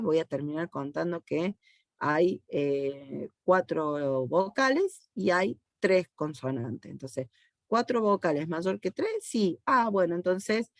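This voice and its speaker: A woman with a fairly low voice and an Argentine Spanish accent teaches an online class as a university teacher. She patiently takes students through code step by step, often checking they follow with "¿sí?". The recording is dry and studio-clean.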